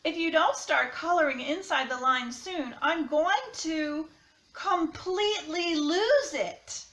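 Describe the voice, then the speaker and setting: A woman's voice: extremely high pitch, slow, a bit bright, heavily acted. A woman voicing a vain, very neat crayon in a children's picture book, with fussy emphasis. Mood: fussy, exasperated. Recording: roomy, echoing sound.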